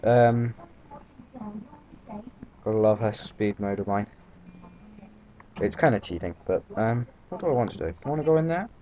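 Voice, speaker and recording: This British man gives rambling, casual let's-play commentary packed with fillers and swearing. His voice is fairly low and mellow, moving at a moderate pace with frequent pauses. A dull lo-fi mic captures him over faint background noise.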